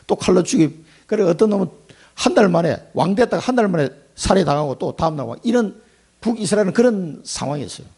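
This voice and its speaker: A man preaching a Sunday sermon as pastor, animated, putting on quoted voices and asking his congregation questions. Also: a little high, creaky, slightly rough.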